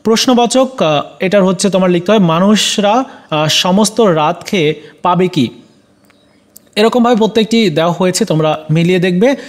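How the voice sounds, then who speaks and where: High-voiced Bangladeshi Bengali man teaching. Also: moderate pace, pauses often. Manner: addresses students directly, frequent "ah" fillers and self-corrections. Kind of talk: exam solution walkthrough.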